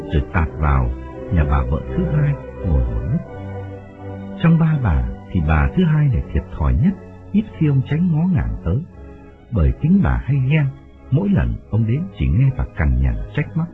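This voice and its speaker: A man narrating an audiobook story with expressive delivery, recorded with a tinny phone-like sound and faint music behind. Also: mid-range voice, moderate pace.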